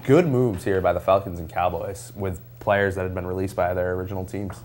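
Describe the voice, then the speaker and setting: Man, low voice, quick speech, earnest sports opinions. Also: steady tone, darkish tone, slight background noise. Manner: quick, earnest, with many fillers and restarts. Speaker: radio sports talk co-host.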